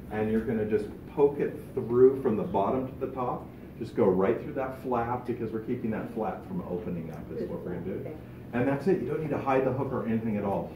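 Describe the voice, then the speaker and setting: A man's voice: lowish voice, far from the mic, background noise. Man giving a casual club talk, echoey room. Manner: animated, gestures a lot while talking. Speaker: club speaker. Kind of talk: informal talk to a fishing club. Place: large meeting room. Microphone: far camera, no mic.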